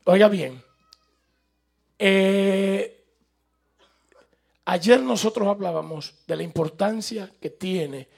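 Male pastor, jovial preacher, high and husky voice. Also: darkish tone. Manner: jovial, laughs at his own slips. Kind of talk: sermon.

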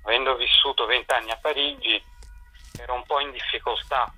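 In informal interview answers, a middle-aged theatre director and performer talks fairly quickly in a medium pitch with fairly even intonation, his voice pushed and bright with a breathy edge. He hesitates and searches for words, and the sound is dull, lo-fi telephone-radio quality.

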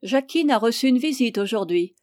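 A controlling mother of the house giving firm orders, read by a woman. The voice is mellow and the sound dry and close. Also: fairly high pitch, lively intonation, normal speed, dry recording, natural voice. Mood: stern. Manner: firm, instructing. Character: stern bourgeois mother, commanding, controlling. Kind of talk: audiobook character voice.

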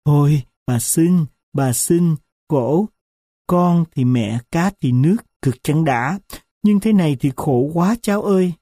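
A sorrowful old grandmother, as a male narrator puts her on in a storybook reading, talking slowly and heavily in a dark, mellow voice. The sound is dry and close. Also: no echo. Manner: slow, low and choked. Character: grieving old grandmother, gentle and weary.

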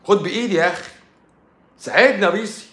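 Egyptian guy ranting on his live stream, fast, bright voice, lots of echo in the room. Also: sits high. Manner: sarcastic, mocks critics in a playful tone; repeats himself for emphasis with frequent stumbles. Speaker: doctor hosting his own live stream. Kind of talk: animated live-stream monologue.

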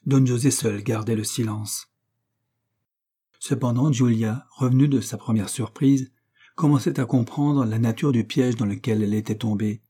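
Dark, husky male audiobook narrator. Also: medium pitch. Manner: measured, expressive storytelling. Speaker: audiobook reader.

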